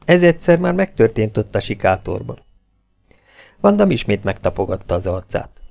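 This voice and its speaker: Gravelly-voiced man reading a novel. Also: fairly low pitch, sing-song, darkish tone, soft background music. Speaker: audiobook narrator.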